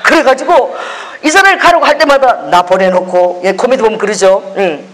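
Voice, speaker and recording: A middle-aged woman pastor delivers a sermon as lively storytelling. She laughs often and breaks into exclamations of praise. At times her voice drops low and quiet for earnest reflection. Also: a little fast, poor audio.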